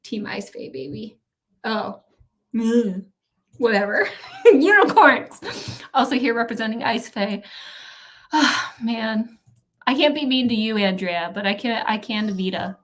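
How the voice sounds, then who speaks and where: A woman's voice: fairly high pitch, a little slow, pauses often. A young woman hosting a casual reading livestream, chatting with viewers and trash-talking playfully. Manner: chatty, playful trash talk, frequent laughs. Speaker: streamer hosting a reading sprint.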